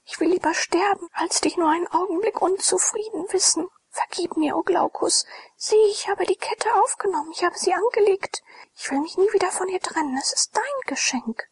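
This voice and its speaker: A woman's voice: normal speed, dry recording. A woman whispering as a tearful young slave girl, whispered role-play. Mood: pleading. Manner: pleading, high whisper.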